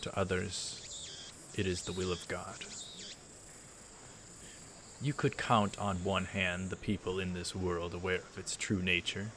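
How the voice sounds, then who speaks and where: For a let's play, a man with a deep, low voice reads a visual novel aloud, shifting between measured narration and halting, casual asides. His delivery is flat, and the home recording has clear background noise.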